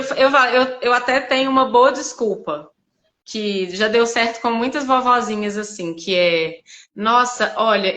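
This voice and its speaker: A woman's voice: on the high side, a bit bright. A woman from Belo Horizonte with a Mineiro Brazilian Portuguese accent, chatting casually and animatedly as host of a live stream, laughing often.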